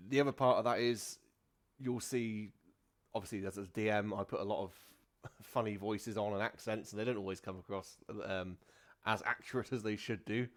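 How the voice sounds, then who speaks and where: A man in a relaxed podcast chat, hosting as a dungeon master. His voice sits fairly low, and he rambles, restarting sentences and filling gaps with ums. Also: normal speed. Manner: rambling, many fillers and restarts.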